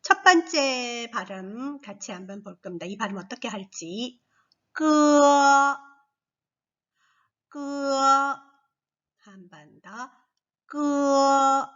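A woman teacher giving a recorded online language lesson for children. She speaks slowly and patiently, says each sound loudly for the class to repeat, then explains it. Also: mid-range voice, animated, breathy edge, muffled recording.

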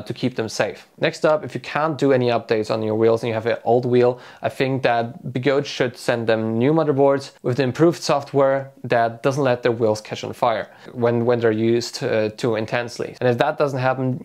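A man's voice: medium pitch, fairly even intonation, moderate pace, hardly any pauses, a little mellow. A young man hosting his own vlog, talking loosely to camera with many fillers, his voice getting tired. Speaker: electric unicycle vlogger. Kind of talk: casual talk to camera.

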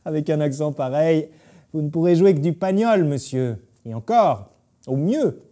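A man's voice: fairly high pitch, expressive, moderate pace, dark tone, close to an everyday voice. An actor playing a snooty, condescending male theatre director on stage. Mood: haughty. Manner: pompous and condescending.

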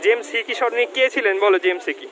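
A man's voice: very high-pitched, quick pace, crowd noise, low-quality recording. A man vlogging on a busy street, chatting to viewers through a face mask. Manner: chatty, talks straight to viewers. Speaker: food vlogger. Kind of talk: walking street vlog. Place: busy city street outdoors.

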